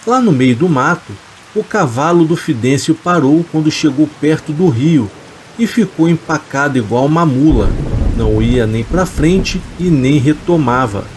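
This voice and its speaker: A man, calmly reading a scripted horror story in a steady, measured way. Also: a little high, a little hiss or hum, poor audio. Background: rain.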